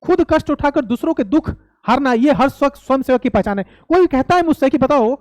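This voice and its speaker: A man's voice: very high-pitched, animated, a little fast, a little mellow, no echo. A young man teaching in a classroom-style lecture, emphatic and repetitive, often asking rhetorical questions. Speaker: exam coaching teacher.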